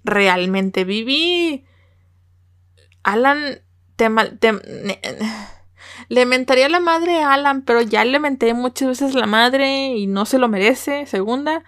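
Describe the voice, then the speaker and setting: A woman's voice: sits high, takes it slowly, fairly bright tone, dry recording, clean studio sound. A young Mexican woman with a Mexican Spanish accent, talking casually and emotionally to viewers about an anime, often repeating words. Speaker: anime reviewer.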